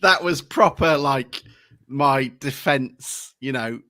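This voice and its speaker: A man's voice: mid-range voice, takes it slowly, pushed and bright, no echo, clean studio sound. A man from England hosting a football podcast, chatting casually, laughing often and swearing now and then. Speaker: podcast host. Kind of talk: casual podcast chat with a read presentation segment.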